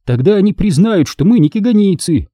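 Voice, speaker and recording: A man's voice: sits high, expressive, mellow, no room sound, studio quality, pitched above the performer's own voice. Man voicing a fiery teenage girl apprentice. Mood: indignant. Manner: indignant, quick to argue. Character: hot-tempered teenage girl Jedi apprentice. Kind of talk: audiobook character voice.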